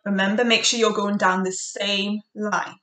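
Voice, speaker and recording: Young woman, primary phonics teacher, encouraging, deliberate sound modelling, medium pitch, echoey kitchen recording. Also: flat delivery, a bit bright, far from the mic. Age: young adult. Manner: encouraging, addressing children directly with praise and simple instructions; slow, deliberate modelling of single speech sounds. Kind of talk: instructional lesson for young children. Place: domestic kitchen, indoors. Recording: roomy, echoey home recording.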